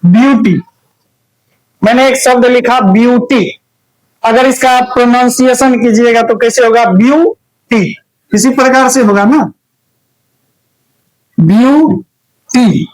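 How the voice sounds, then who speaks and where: Bihari male teacher, very high voice, patient step-by-step explainer, keeps checking in with his students. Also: steady tone, moderate pace, low-quality recording. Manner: explains step by step, often checks "any problem?". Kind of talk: recorded grammar lesson.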